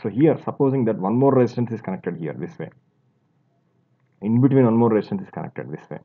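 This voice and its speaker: A man's voice: lowish voice, lively intonation, fast talker. A man teaching a physics lesson, explaining step by step as he draws, with fillers and restarts. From India. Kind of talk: classroom lecture while drawing. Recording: tinny phone-like audio.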